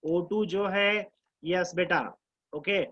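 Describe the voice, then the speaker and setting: A man teaching biology to exam students, mixing Hindi with Indian English, explaining slowly, repeating key terms and quizzing his class. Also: sits high, fairly even intonation, highs cut off. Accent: Indian English mixed with Hindi. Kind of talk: live online class lecture.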